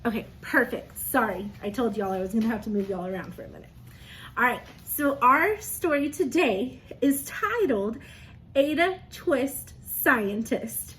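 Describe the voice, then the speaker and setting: A woman with a fairly high, lively voice speaks a little slowly, her tone fairly bright, on a low-quality recording. Talking to camera in an interactive lesson, she walks young children through things step by step with simple explanations, asking questions and praising them as if they were answering.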